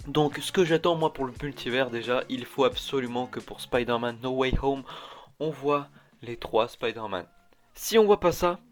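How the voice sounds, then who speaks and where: A male vlogger chatting casually to his viewers, his thoughts tumbling out in loose, self-correcting sentences. His voice sits at a middling pitch, with faint music playing underneath. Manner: rambling, with frequent restarts and asides. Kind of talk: casual chat.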